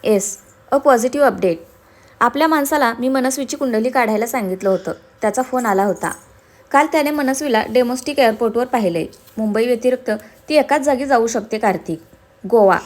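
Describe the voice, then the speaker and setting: A woman's voice: a little high, fairly quick, close to an everyday voice. A woman voicing a confident, teasing young man in a storybook reading. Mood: determined. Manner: playful, teasing.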